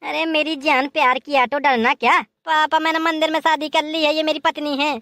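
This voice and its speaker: A woman's voice: sits high, level tone, normal speed, a bit bright, dry recording, clean studio sound. A woman voicing a boastful, broke young groom in a comic cartoon, coaxing and breezy as he talks his way out of things.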